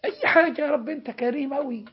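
A preacher with an Egyptian accent voicing a desperate man who pleads and sobs to be let into paradise, his cries jumping high. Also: rapid-fire, dull audio. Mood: begging. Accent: Egyptian Arabic. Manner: pleading, sobbing, swings to high excited cries.

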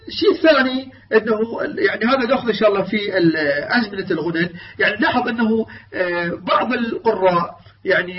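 Male tajweed teacher, high voice, hesitant explainer who slowly demonstrates recitation; distant, dull lo-fi recording. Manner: explains with many filler sounds, then slowly demonstrates recited words. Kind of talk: tajweed lesson. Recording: distant mic, dull lo-fi sound.

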